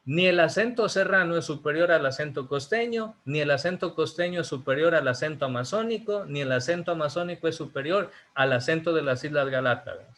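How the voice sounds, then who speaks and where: A man's voice: on the high side, fairly quick, few pauses, fairly bright tone. A man from Ecuador, teaching an online class over a video call and speaking emphatically, putting rhetorical questions to his students.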